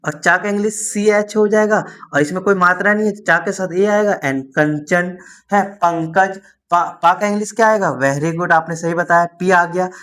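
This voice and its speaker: A man's voice: high-pitched, a bit bright. A man teaching a beginners' spelling lesson, encouraging his students and asking questions that he answers himself. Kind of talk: spoken lesson.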